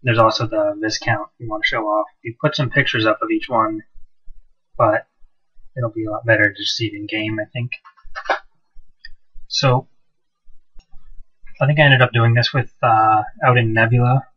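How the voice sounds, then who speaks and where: A man's voice: on the low side, normal speed, long pauses, husky. A man narrating gameplay casually over an old cheap microphone, his voice muffled and hollow as if from the bottom of a well, with frequent "uh"s and restarts. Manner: relaxed, with frequent "uh" and loose restarts. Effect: muffled hollow sound, like talking from the bottom of a well. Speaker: game mod developer.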